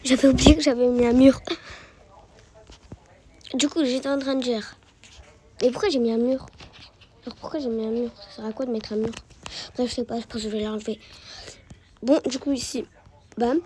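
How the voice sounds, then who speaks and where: A woman's voice: fairly high pitch, steady tone, a little fast, long pauses, mellow, slight background noise, low-quality recording. A woman giving casual gameplay commentary, chatty and repeating words as she guides the viewer. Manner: chatty, repeats words while guiding the player. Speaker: gaming YouTuber.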